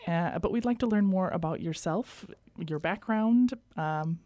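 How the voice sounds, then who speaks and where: A woman hosts a radio program with a somewhat low, mellow voice. She introduces her guest gently and graciously before easing into the interview. The studio sound is close and dry. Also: measured pace, no echo. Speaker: radio host.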